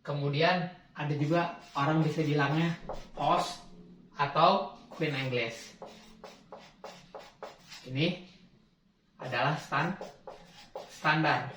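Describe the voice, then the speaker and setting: Young man, casual lesson host, restarts words, slightly high voice, roomy echo, distant mic. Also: slow, pauses often, fairly bright tone. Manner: casual, repeats and restarts words while explaining. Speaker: host teaching English accents. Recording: roomy, from off-mic, faint background hiss.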